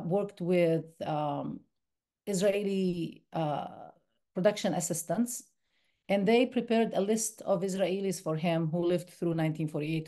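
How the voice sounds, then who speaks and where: In a university screening room, a woman filmmaker from the West Bank responds to an interviewer with care, often beginning her sentences again. She speaks on the low side, with a dark timbre.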